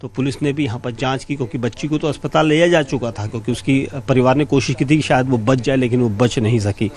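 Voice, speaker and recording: A man's voice: mid-range voice, fast talker, darkish tone. A man giving an unscripted breaking news report, explaining step by step and often repeating himself.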